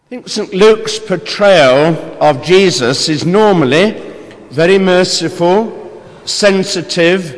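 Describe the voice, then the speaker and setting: A male priest speaks from scripture to a congregation in a slightly high voice. His delivery is slow, deliberate and solemn. Every phrase rings with a long cathedral echo in a large, reverberant church. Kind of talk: Gospel reading and homily.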